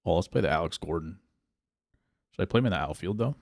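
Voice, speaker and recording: A man's voice: deep voice, lively intonation, quick pace, creaky, no room sound, clean studio sound. A male streamer chatting casually while he plays, thinking aloud about his picks and answering his chat. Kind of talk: casual gameplay livestream chat.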